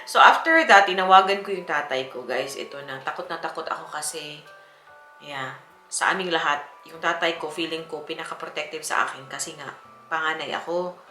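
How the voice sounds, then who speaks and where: A woman's voice: sits low, fairly quick, bright, forceful tone, soft background music. Chatty woman vlogger in an echoey room. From Philippines. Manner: chatty, laughing often, with many fillers. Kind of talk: casual storytelling to viewers.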